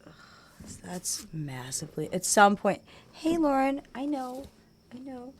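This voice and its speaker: A woman chatting casually while she plays a game, rambling on and trailing off into quiet mutters as she focuses. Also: mid-range voice, big pitch swings, measured pace, a little hiss or hum. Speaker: game streamer.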